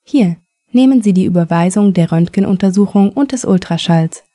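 A calm male surgeon, read by a woman who explains things in a measured way. The voice is mellow and dry. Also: mid-range voice, no echo, lightly acted.

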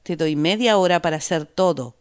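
Woman reading as a calm bank manager. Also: fairly low pitch, brisk, clean tone, lightly acted. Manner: calm, commanding.

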